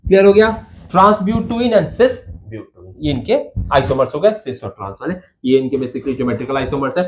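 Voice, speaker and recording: A man's voice: fairly high pitch, expressive. A man teaching chemistry in a mix of Hindi and English, calling the students "bachcha" and asking questions he then answers himself. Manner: addresses students as "bachcha" and "babu", asks and answers own questions; counts carbons slowly while writing. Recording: dull lo-fi sound with faint noise.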